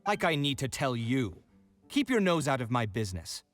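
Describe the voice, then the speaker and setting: An actor playing a proud, hot-tempered young male architect in a video game, indignant and quick to bicker. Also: medium pitch, big pitch swings, a bit bright, faint music behind. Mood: irritated.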